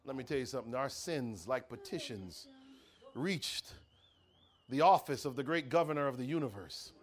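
A man preaching a sermon, telling a story with dramatic pauses and rising intensity. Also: mid-range voice, animated.

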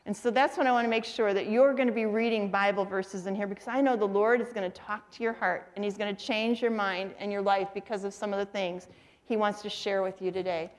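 A middle-aged woman teaching a faith-based class. She tells lively stories and asks her listeners questions. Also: medium pitch, a little fast. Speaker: Bible study teacher.

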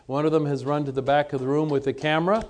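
In a noisy conference seminar room, a Lebanese-raised man, born in Egypt to missionary parents, leads an informal religious seminar. His voice is on the high side, steady and quick. He keeps things conversational and self-deprecating, addressing the audience with questions.

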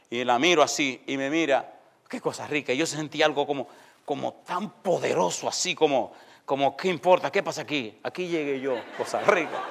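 Preacher guy, kinda high voice, acting out his story w sound effects, chatty w the congregation. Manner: folksy, addresses congregation. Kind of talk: sermon with personal story.

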